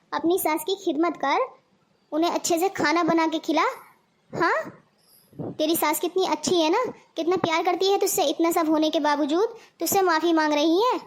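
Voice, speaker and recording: A woman voicing a scolding, preachy middle-aged mother in a cartoon. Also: very high-pitched. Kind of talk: cartoon voice acting.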